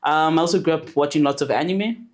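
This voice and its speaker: A woman in her twenties, born in Zambia and raised in South Africa, who is a guest on a podcast and tells her story in a relaxed, chatty way. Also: low-pitched, fast. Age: 20s. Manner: relaxed storytelling with fillers and restarts. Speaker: podcast guest, animation producer. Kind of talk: casual podcast interview.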